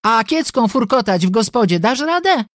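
A narrator voicing a sharp-tongued older sister, a young peasant woman who scolds her sibling. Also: medium pitch, very animated, normal speed, no echo, clean studio sound, pitched above the performer's own voice, lightly acted. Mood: mocking.

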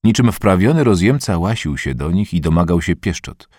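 A man narrating an audiobook in a measured, expressive reading voice on a close studio mic. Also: deep voice, dry recording. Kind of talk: scripted narration.

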